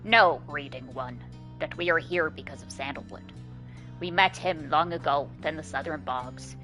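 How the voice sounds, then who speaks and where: A woman voicing an old serpentine bog crone from a game, solemn and deliberate, in archaic formal speech. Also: deep voice, sharp tone, soft background music, voice pushed down.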